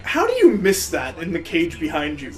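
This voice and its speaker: A man with a fairly high, darkish voice swings wildly in pitch while talking at a moderate pace. He's hosting a let's play, tossing out casual, sarcastic commentary as he plays. His wry jokes sit over video game music.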